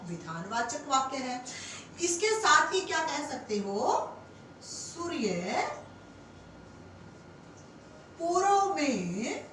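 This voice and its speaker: A woman's voice: high-pitched, a bit bright, very echoey, far from the mic, a little hiss or hum, low-quality recording. A woman teaching Hindi grammar to exam students, answering her own rhetorical questions and calling them "beta". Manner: stretches example sentences slowly word by word. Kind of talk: classroom lecture for exam students.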